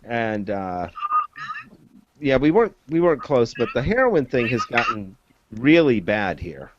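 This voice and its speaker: A man's voice: mid-range voice, sing-song, a little slow, muffled recording, noisy background. A man in casual chat, talking at length with many fillers and laying out his reasoning step by step. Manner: rambling, many fillers, lays out arguments step by step.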